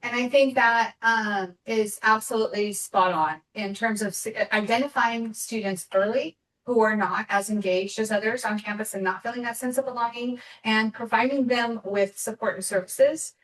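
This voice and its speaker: A woman's voice: a little high, normal speed, few pauses, a bit bright. A woman district administrator responding to the board in an affirming, organized way. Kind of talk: board meeting discussion. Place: board meeting room. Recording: echoey room, distant mic.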